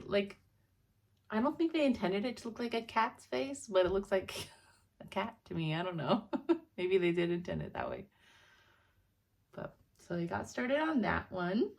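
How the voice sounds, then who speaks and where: Young woman, casual home vlogger, sleepy, rambling, chatty, average pitch. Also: gravelly, darkish tone. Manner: chatty, rambling, laughs often. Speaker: cross-stitch vlogger. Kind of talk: casual chat.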